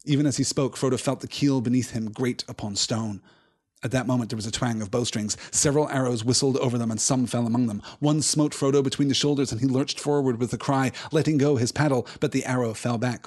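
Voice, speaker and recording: An enthusiastic, thoughtful man reads a book aloud to a live audience and keeps breaking off to muse about it. He answers viewers' comments in a digressive, engaged way, with a voice of ordinary pitch. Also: steady tone, a little fast, a little mellow, husky. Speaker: host of a live book-reading stream. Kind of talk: reading aloud and discussing, answering chat.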